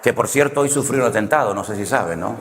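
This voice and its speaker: A man's voice: mid-range voice, animated, fast, background noise. A man with a Canary Islands Spanish accent, preaching a sermon as a pastor in a conversational, storytelling way with wry humor. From Canary Islands, Spain. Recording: long hall reverb.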